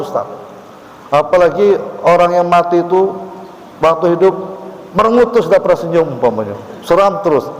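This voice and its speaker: A preacher in his late thirties with a lilt tells a sermon story to the women in front of him. He keeps turning to them with questions and a steady "Bu." His fairly high voice rings through a mosque hall with a long, lingering reverb. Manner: lively, calls out questions to the audience, frequent "Bu". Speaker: ustaz, preacher.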